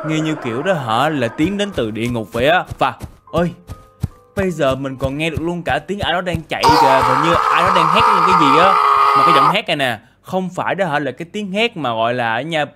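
A man doing chatty, excitable game role-play commentary with lots of filler tags. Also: a little high, fast talker, music in the background. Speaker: gaming YouTuber.

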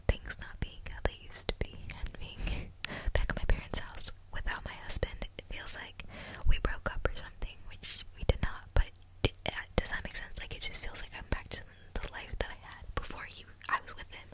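Whispering softly and unvoiced right into your ear, a woman in her twenties records an ASMR vlog in a small, dim room at home. She chats casually, rambling, confiding and hesitant, into a desktop condenser mic set up binaurally very close to her mouth. The recording is low quality.

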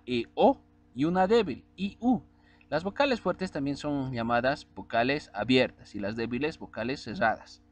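Lively male teacher spelling out syllables. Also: a little high. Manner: spells out syllables and vowels slowly, asks checking questions. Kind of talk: spelling lesson.

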